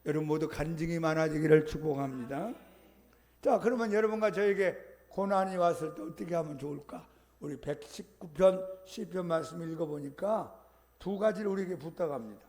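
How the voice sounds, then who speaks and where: A man's voice: a little high, fairly quick, a little mellow. A male pastor delivering a Sunday sermon, urging his congregation with emphatic, repeated calls. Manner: emphatic, repetitive exhortation with rising calls.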